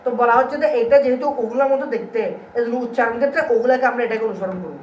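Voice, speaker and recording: A man's voice: very high-pitched, rapid-fire. A man teaches a grammar class, keeps firing questions at his students and drilling answers back. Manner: keeps quizzing students, call-and-response drilling. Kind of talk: classroom lecture. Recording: roomy, distant, dull and slightly noisy.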